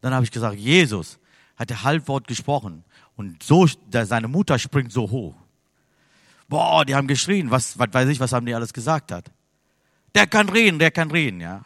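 A man from Sri Lanka preaching a sermon in with grammar slips, telling a story, then turning loud and emphatic. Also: mid-range voice, sing-song, moderate pace, no room sound, clean studio sound. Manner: non-native German with grammar slips.

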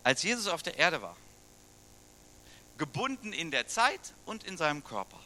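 Middle-aged German pastor, man, chatty sermon full of questions; bright, slightly high voice. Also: big pitch swings, normal speed. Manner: conversational, asks the congregation questions.

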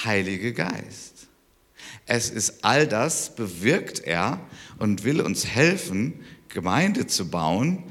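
Low-voiced man preaching in a reverberant hall. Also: fairly bright tone. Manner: conversational preaching, emphatic with rising stresses. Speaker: pastor. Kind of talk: sermon.

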